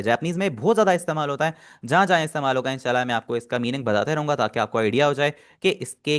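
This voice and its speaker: A man with a slightly raised voice leads a live online Japanese class. He explains patiently, stops to answer students' questions, and slows right down to drill pronunciation one syllable at a time. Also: fairly high pitch. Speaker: Japanese language teacher.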